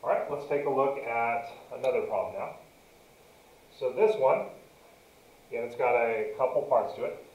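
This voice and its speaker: A man's voice: mid-range voice, moderate pace, pauses often, darkish tone. A man giving a step-by-step math lesson as a teacher, dictating piece by piece as he works through it. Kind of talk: step-by-step lesson narration, working through a problem. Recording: dull, roomy, distant mic.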